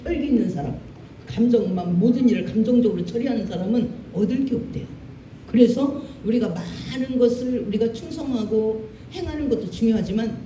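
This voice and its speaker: A woman pastor preaching a sermon in a church, animated, acting out lines in a raised voice. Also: a little high, roomy sound, far from the mic, a little hiss or hum. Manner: animated preaching, acts out Moses' angry lines. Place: church sanctuary.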